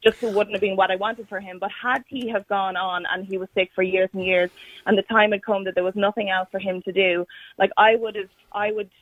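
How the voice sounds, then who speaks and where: A woman calling in to a radio debate over a phone line. She speaks earnestly and haltingly, restarting her sentences and filling them with "like" and "you know". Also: mid-range voice, fairly even intonation, dry recording. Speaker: radio caller. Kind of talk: call-in debate. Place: calling in by phone, not in the studio.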